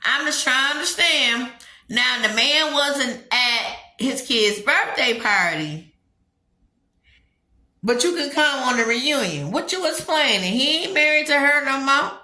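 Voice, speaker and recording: A woman's voice: sits high, expressive, slow, sharp tone. A woman giving a blunt, profane, casual gossip recap of reality TV shows. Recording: echoey room.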